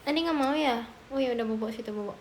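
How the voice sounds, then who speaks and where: A woman's voice: fairly high pitch, fast, a little hiss or hum. A young Indonesian woman livestreaming from her phone, chatting casually with viewers and cooing baby talk at her cat. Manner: coos and baby-talks to her cat, reads chat aloud. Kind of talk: casual live stream chat.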